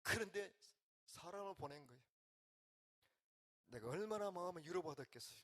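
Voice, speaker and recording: An older man, a pastor from the region, preaching, swinging between quiet, emotional talk and loud calls to the congregation. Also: high-pitched, animated, normal speed. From Gyeongsang region, Korea. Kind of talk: sermon.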